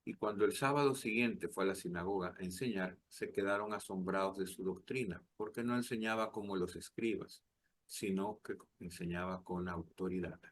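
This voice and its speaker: A tired man co-hosting a religious radio program, reading the gospel aloud in a measured, steady way. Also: sits low. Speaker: radio co-host and scripture reader.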